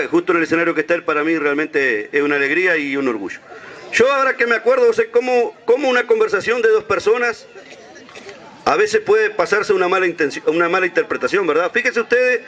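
A man's voice: high-pitched, a bit bright, dull audio. A man with a Uruguayan accent telling jokes on an outdoor stage, chatting with the audience and acting out the dialogue. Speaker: stand-up comedian.

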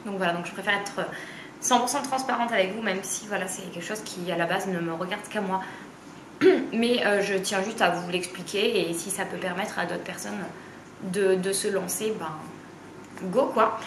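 Woman, late 20s, candid sewing vlogger; halting, filler-heavy delivery, mic at a distance in a roomy space. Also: medium pitch, slight background noise. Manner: hesitant, many fillers, speaks openly and gestures. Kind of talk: candid personal vlog. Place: bright room at home with a dress form. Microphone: camera a few steps away. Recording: roomy, slightly distant, faint ambience.

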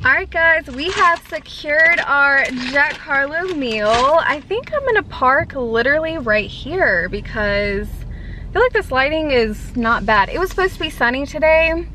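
Animated and unhurried, a young food vlogger from North Carolina chats in her car, speaking with a light Southern accent into a dashboard camera. Her voice is high, her talk rambling and stuffed with "like," and the background is noisy.

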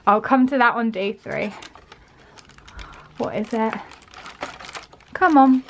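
A teenage girl with a British accent talks to her handheld camera at home in a high voice. She is excitable and gushing in a casual vlog chat. A faint hiss sits under the recording. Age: teens. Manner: excitable, gushing, quick to squeal with delight. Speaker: vlogger. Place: at home, bedroom and desk.

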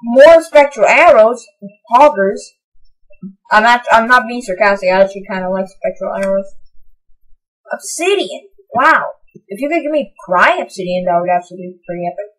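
A young woman giving casual, excitable commentary on her own gameplay, sometimes breaking into high, delighted shouts. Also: fairly quick, rough recording. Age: young adult. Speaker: gaming channel host.

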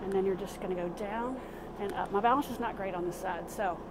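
A camera a few steps off captures a middle-aged woman in a small RV, casually demonstrating a workout as she exercises in her role as a fitness instructor. Her medium-pitched voice moves a little fast, and the interior of the vehicle is clearly noisy.

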